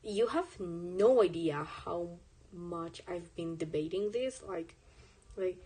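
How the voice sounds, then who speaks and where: On a rough recording, a young woman whose native language is Spanish talks slowly in a fairly low, slightly rough, somewhat mellow voice. She's an artist streaming herself drawing, chatting casually, wandering off topic and correcting herself as she goes.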